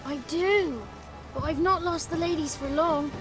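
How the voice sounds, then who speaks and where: A high, fretful little blue goblin. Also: male voice. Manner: folksy rustic storytelling, quick and fretful. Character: small blue male goblin creature, nervous and cheeky. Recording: game audio with loud music.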